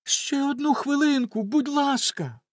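A man voicing a high, desperate young wife. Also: a little slow, no echo, clean studio sound. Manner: desperate, pleading. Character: frightened pleading young wife.

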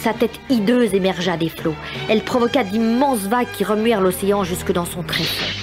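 A woman's voice: mid-range voice, brisk. A woman narrating a children's story in a scripted, dramatic style. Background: music.

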